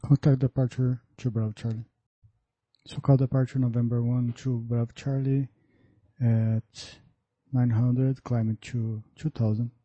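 Very dark-voiced male pilot on headset radio. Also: mid-range voice, level tone, unhurried, dry recording. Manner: clipped, procedural readbacks. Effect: pilot cockpit headset radio. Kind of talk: aviation radio calls. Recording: muffled lo-fi radio audio.

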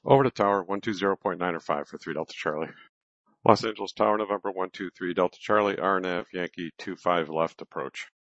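A man's voice: low-pitched, brisk, a bit bright, dry recording. A man radioing air traffic control from a cockpit headset, giving clipped procedural readbacks. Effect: pilot radio over cockpit headset. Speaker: private pilot. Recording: dull lo-fi radio transmission.

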